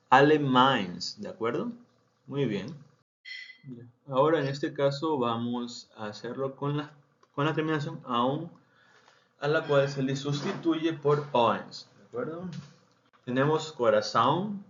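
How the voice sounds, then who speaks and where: Slow, patient man teaching Portuguese. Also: medium pitch. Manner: slow model sentences, then quick explanations with frequent "¿de acuerdo?". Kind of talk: language lesson. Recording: dull lo-fi sound.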